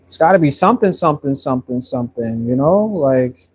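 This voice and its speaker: A man's voice: medium pitch, lively intonation, brisk, slightly rough. A man in his thirties chatting casually while painting, answering viewers' comments in a rambling, friendly way and repeating words as he thinks. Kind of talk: casual live-stream chat while painting.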